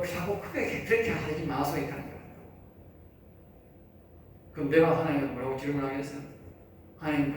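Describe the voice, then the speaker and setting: A man with a Gyeongsang Korean accent, a pastor giving a sermon lecture, talking to his listeners in a conversational way and firing rhetorical questions at them. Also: a little high. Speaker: pastor teaching at a seminary. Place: church lecture hall. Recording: echoey hall, mic far off, faint noise.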